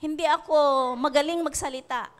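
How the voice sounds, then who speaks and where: At normal speed and with fairly even intonation, a high-pitched woman with a Filipino accent gives a sermon, with a long reverb tail on the audio. She reads scripture aloud, often asking the congregation "okay?" and "di ba?".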